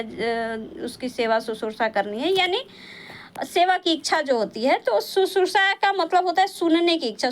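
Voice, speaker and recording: A woman teaching a Hindi spelling lesson for exam preparation, explaining patiently with frequent pauses and fillers. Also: high voice.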